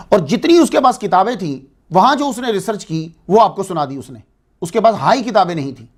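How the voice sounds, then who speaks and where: High-voiced man giving a religious lecture. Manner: explanatory, asks and answers his own questions. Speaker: religious speaker.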